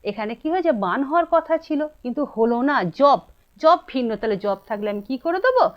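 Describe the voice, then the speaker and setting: A woman's voice: high-pitched, animated, fast. A woman with a Bengali accent teaching a grammar lesson, asking her students questions and answering them herself. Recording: dull lo-fi sound.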